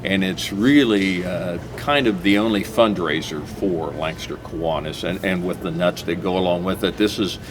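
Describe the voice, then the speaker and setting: On a noisy recording, a talk show host with a low voice interviews someone for local TV at a moderate pace with few pauses. He rambles, leaning on lots of fillers and restarting his sentences.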